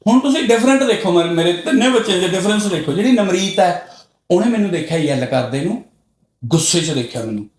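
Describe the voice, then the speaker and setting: A middle-aged man from Punjab, a podcast guest telling stories candidly and getting loud and excited as he talks. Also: high-pitched, quick pace. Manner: loud and excitable when talking. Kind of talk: candid conversational storytelling. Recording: roomy echoey room.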